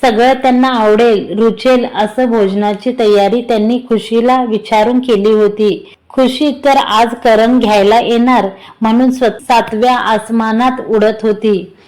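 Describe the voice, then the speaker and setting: A woman's voice: a little high, fairly even intonation, a little mellow, poor audio. A woman narrating a serialized romance story for her channel. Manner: slow, unhurried reading.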